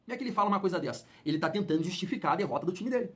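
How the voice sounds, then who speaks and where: A man's voice: high voice, expressive, rapid-fire, a bit bright. A man hosting casual football commentary, opinionated and heated, speaking straight to his viewers. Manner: opinionated, heated, colloquial, addresses fans as family. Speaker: football channel host.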